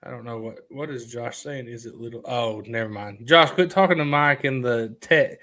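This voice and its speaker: A talkative man hosting a live show, chatting loosely at a middling pitch. He reads comments aloud and hops from one topic to the next in an unscripted, everyday way. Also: normal speed, pushed and bright, slight background noise. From Kentucky. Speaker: livestream host. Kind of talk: casual live chat.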